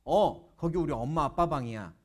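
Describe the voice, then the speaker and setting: A man's voice: on the high side, animated, moderate pace, darkish tone. A man voicing an earnest young boy who firmly refuses his friends. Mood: insistent. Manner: firm, pleading insistence.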